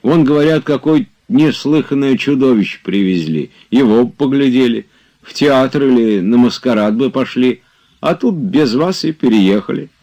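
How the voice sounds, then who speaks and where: A man's voice: lowish voice, animated, unhurried, a little mellow, pitched above the performer's own voice. A man reading aloud as an old servant who grumbles and pleads with his master in a storybook. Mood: pleading.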